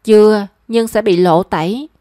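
A woman's voice: medium pitch, unhurried, warm tone, no echo, studio quality, lightly acted. Woman reading as a flustered young woman.

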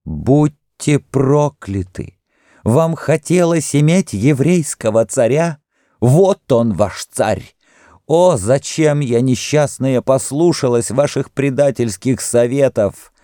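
A man's voice: extremely slow, dark tone, no room sound, clean studio sound, heavily acted. A man reading an audiobook, voicing a grief-maddened young mother who screams and wails. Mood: anguished wailing. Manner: screaming, sobbing, raised to a shrill cry.

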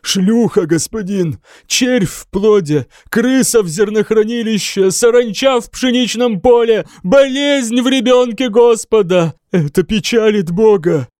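A man's voice: high voice, lively intonation, slow pace, few pauses, darkish tone, no echo, studio quality, voice pushed up, heavily acted. A man voicing a blind, raving monk who wails and chants fanatical accusations. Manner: shrieking, wailing chant.

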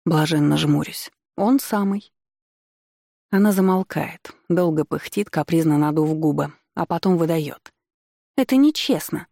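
A woman's voice: deep voice, fairly even intonation, measured pace, creaky, warm tone, no echo. A young woman narrating a first-person audiobook in a wry, mocking tone, recorded on a close studio mic.

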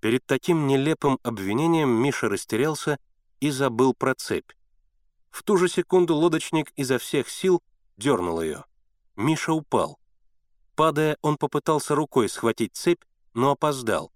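A man reading a story aloud as an audiobook narrator, in steady scripted narration. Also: medium pitch, normal speed, no room sound, clean studio sound.

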